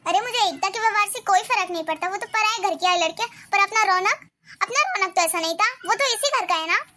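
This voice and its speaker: Woman doing a sad sweet cartoon granny, high bright voice, soft and pleading. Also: lively intonation, fast, full character voice. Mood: sorrowful. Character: gentle widowed grandmother, sad and patient. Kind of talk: cartoon voice acting.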